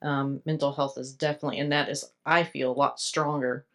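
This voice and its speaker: A woman's voice: extremely low pitch, flat delivery, a little fast, fairly bright tone. Female co-host, informal and chatty conversational delivery. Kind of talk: casual chat.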